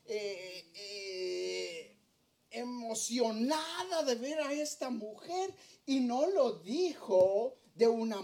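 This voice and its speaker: A man's voice: very high-pitched, a little mellow. A middle-aged male pastor preaching a sermon, earnest and storytelling as he addresses his congregation.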